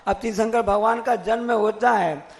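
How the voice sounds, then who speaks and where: A man's voice: sits high, moderate pace, vocal fry, big-room sound. A man, a monk, giving a sermon, telling stories with acted quotes and repeated phrases. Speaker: Jain monk.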